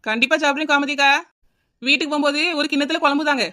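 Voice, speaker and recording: A woman voices a scatterbrained housewife in a comedy cartoon, speaking very fast with a Kanyakumari Tamil accent. Her high voice is steady, bright and forceful as she chatters, wheedles and keeps repeating the neighbour's name.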